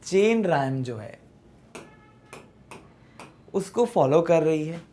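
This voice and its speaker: Slow, patient Hindi-speaking woman teacher. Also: sits low, expressive, mellow, slight background noise. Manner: reads English text slowly, then explains in Hindi with frequent "है ना" checks. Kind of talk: explaining a poem to students. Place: classroom-style video lesson.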